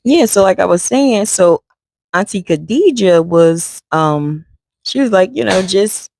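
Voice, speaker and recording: A woman's voice: mid-range voice, animated, unhurried, creaky, a little mellow. A woman vlogger telling an emotional true story, talking casually to her viewers. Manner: conversational, addresses viewers as y'all.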